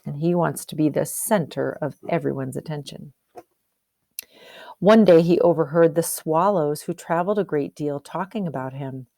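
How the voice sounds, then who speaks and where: Reading a storybook aloud expressively, this teacher explains and asks questions as if to young pupils, checking their understanding. Her low voice is creaky and dark in tone, moving at a moderate pace, with no room sound.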